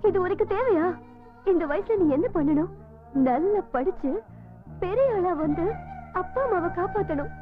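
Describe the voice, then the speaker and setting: A woman's voice: very high-pitched, animated, normal speed, pauses often. An actress playing an emotional young woman who scolds and pleads in a film drama. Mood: upset, pleading. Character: young woman torn between two pursuing men. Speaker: film heroine. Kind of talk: Tamil film drama acting. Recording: tinny lo-fi film audio with music. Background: film score music.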